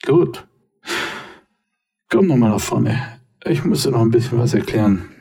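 A man voicing a menacing male gangster boss who threatens calmly. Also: medium pitch, unhurried, vocal fry. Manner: calm, intimidating.

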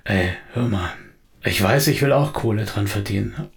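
A man's voice: lowish voice, normal speed, gravelly. A man voicing a terse, loyal bodyguard in a narrated story. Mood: frank.

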